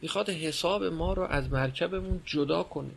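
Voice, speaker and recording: A man's voice: fairly high pitch, vocal fry, husky. A man giving a religious lecture, explaining and posing rhetorical questions. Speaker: religious speaker.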